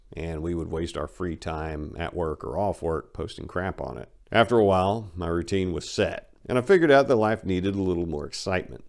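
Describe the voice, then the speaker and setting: A man gives a dramatic reading of a first-person memoir, telling it in a brash, wry, colloquial manner. His voice is low and creaky.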